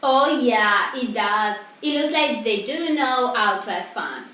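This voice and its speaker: Playing the host of a pretend TV broadcast, a teenage or young adult woman reads a scripted presentation like a student presenter. She speaks slowly in a slightly high, sharp voice with lively intonation, captured by a distant mic in a very echoey room with faint noise.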